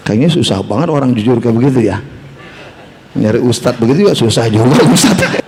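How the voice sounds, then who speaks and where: A man's voice: medium pitch, very animated, a little fast, darkish tone, a little hiss or hum. A man, an Islamic preacher telling a story in a sermon and teasing his audience. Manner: joking, teasing the audience directly.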